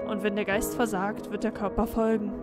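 A woman's voice: mid-range voice, flat delivery, fairly quick, loud music behind the voice, natural voice. A woman voicing a formal, polite man calling from a nursing home in a game reading.

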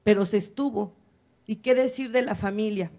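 A middle-aged woman speaks from a podium in a large hall. She reads her speech solemnly and stacks short phrases into steady, rhythmic lists. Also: medium pitch, moderate pace. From Mexico. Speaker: activist speaker at a public apology event. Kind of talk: formal speech read from notes. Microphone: podium microphone on a stand, filmed from afar.

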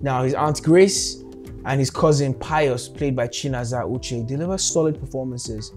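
A man co-hosting a casual film review, talking in a relaxed, emphatic way with repeated phrasing. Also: mid-range voice, normal speed, soft background music. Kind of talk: casual movie review chat.

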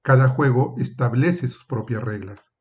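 A man's voice: mid-range voice, measured pace, darkish tone, highs cut off. A man lecturing as a professor, explaining at length with frequent filler sounds and acting out short example exchanges. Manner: acts out short example dialogues. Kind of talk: university lecture.

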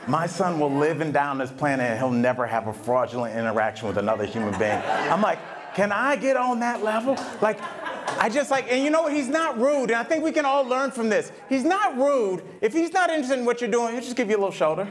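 A middle-aged man doing a stand-up comedy set at a live event, talking in a conversational, animated way with lots of asides. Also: high voice, quick pace. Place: live event venue with audience. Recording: live venue with loud crowd. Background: audience laughter.

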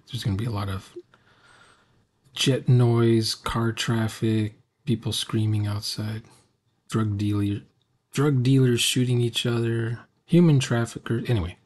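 Grumbling and sarcastic, a sixty-something reaction video host riffs unscripted and casually on what he's watching. His voice is medium in pitch, husky and darkish in tone. The setting is a small, cluttered home room, captured on an unfiltered desk microphone.

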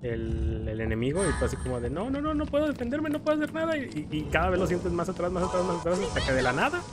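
Speaking quickly and expressively in a fairly high voice, a Mexican gaming streamer offers casual, wandering commentary full of slang and playful profanity. Video game music plays in the background.

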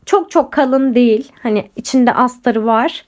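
A woman's voice: fairly high pitch, unhurried, a little mellow. A young woman chatting casually to camera about clothes she bought, talking straight to her viewers, her voice a little off from being sick. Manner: chatty, addresses viewers directly, frequent fillers. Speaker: lifestyle vlogger. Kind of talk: casual haul and review chat to camera.

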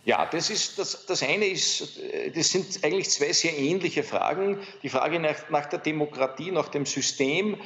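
A man, a pollster invited as studio guest, explaining survey results in a halting way full of fillers and restarts. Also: on the high side, animated, a bit bright. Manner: hesitant, many fillers and restarts. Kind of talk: studio interview analysis.

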